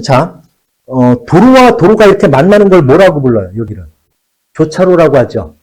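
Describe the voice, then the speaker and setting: A man teaching high school math in a classroom, repeating key phrases and checking in with the students again and again. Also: a little mellow, poor audio. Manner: switches between polite and casual speech. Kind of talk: classroom lecture.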